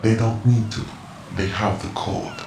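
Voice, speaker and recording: An actor playing a mysterious male ninja informant with a Russian accent, giving cryptic, measured warnings. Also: fairly low pitch, fairly even intonation, background noise, lightly acted. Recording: echoey game audio over music.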